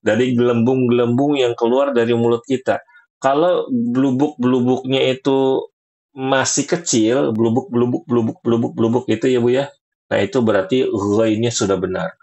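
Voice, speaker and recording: A man teaching Quran pronunciation in a relaxed, chatty way, slowly sounding out letters again and again. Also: mid-range voice. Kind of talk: relaxed teaching talk to women.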